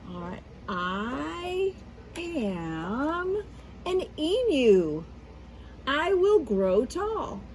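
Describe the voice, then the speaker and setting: A school media specialist leads a children's read-aloud lesson outdoors from her back porch, reading a picture book and addressing the kids patiently, as a teacher would. She has a medium-pitched voice with a darkish tone, and the poor audio has a little hiss or hum.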